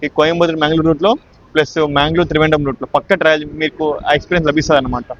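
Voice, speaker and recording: A man's voice: fairly even intonation, rapid-fire, a bit bright. A man chatting enthusiastically as he vlogs a train journey, recorded on a phone inside the moving carriage. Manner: chatty, enthusiastic, mixes English words into his talk. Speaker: train travel vlogger. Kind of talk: casual on-train vlog narration. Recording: dull lo-fi phone audio with train rumble. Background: train noise.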